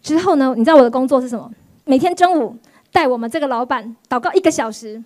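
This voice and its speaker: A woman pastor, giving a sermon testimony in an animated storytelling way. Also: high voice, quick pace. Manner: animated storytelling, acts out quoted voices.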